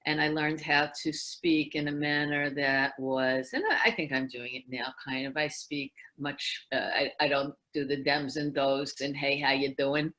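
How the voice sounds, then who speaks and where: Lively older Brooklyn woman telling stories. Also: sits low, moderate pace, hardly any pauses. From New York. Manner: animated storyteller who laughs easily. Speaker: guest. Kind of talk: casual interview chat.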